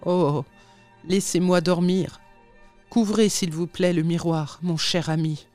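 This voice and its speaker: Reader doing a haunted little man, mournful sighing pleas, audiobook tale, middle pitch, faint music behind. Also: fairly even intonation, slow pace, a little mellow, dry recording, close to an everyday voice. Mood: dejected. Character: small man, young then old, anguished and haunted. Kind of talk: audiobook reading of a classic tale.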